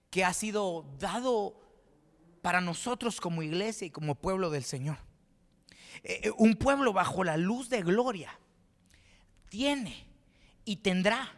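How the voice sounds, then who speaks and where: A man from Guatemala preaching a sermon as pastor, fervent, with repeated words and restarts, rising to exclaim. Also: high-pitched. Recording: reverberant hall.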